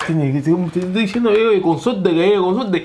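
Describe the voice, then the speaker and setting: A man in his thirties co-hosting a reaction show in casual chat, playfully boasting with drawn-out hype lines, on an indoor studio set. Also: high-pitched, animated, darkish tone. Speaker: co-host.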